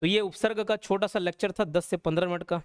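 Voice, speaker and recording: A man teaching an online exam-prep class, repeating words slowly and often checking in with "okay?". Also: high-pitched, fairly even intonation, smooth. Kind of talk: explanatory lecture.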